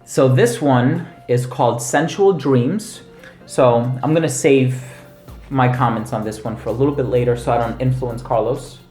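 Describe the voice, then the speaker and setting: A man's voice: medium pitch, normal speed, darkish tone. Male fragrance reviewer in an echoey room. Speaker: fragrance reviewer and channel host. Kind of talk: casual product review chat. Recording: roomy echo with music underneath.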